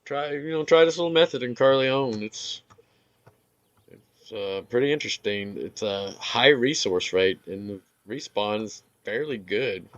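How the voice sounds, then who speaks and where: A man giving relaxed, rambling commentary over his gameplay, with filler words and some hiccups. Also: mid-range voice, measured pace, dry recording, muffled recording. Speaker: gaming video creator.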